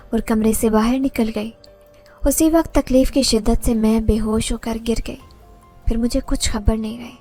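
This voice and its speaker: A woman storyteller narrating a first-person horror tale in a steady, earnest way. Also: fairly high pitch. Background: faint music.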